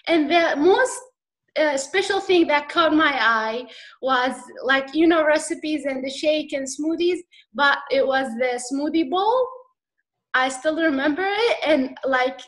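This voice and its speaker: On a video call, a guest from Iraq tells her own story in an Iraqi accent, nervous and hesitant and leaning on lots of fillers. Her high voice is fairly bright and a little slow, and the recording is rough.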